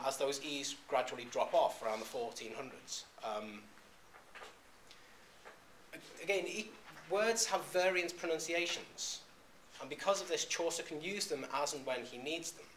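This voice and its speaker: A male lecturer speaks at a middling pitch, stopping often on "um" and restarting his sentences. The recording is echoey, with a faint hum of room noise behind him. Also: fairly bright tone. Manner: halting, frequent "um"s and restarts. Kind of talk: classroom lecture. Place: classroom.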